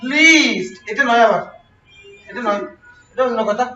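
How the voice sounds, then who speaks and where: High-voiced male teacher in an echoey room. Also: little pitch movement, normal speed, fairly bright tone. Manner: asks the class questions and answers them himself. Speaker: exam prep teacher. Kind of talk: classroom grammar lesson. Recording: roomy, distant, dull lo-fi sound with faint noise.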